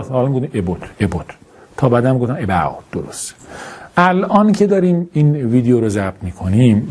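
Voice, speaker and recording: A man teaching an online course who speaks slowly and carefully, with imprecise articulation of some sounds and informal, self-deprecating asides. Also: medium pitch, warm tone, husky. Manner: deliberately slow, careful speech. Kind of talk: course introduction lecture.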